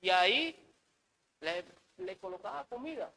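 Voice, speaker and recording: A man's voice: sits high, expressive, a little slow, gravelly, pushed and bright, low-quality recording. A married man preaching a sermon in an earnest way, often repeating words and saying amen. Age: adult, married.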